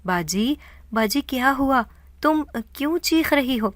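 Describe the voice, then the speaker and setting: A woman's voice: mid-range voice, no room sound, lightly acted. A woman voicing a frightened young brother who pleads in panic in a storybook horror tale. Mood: panicked.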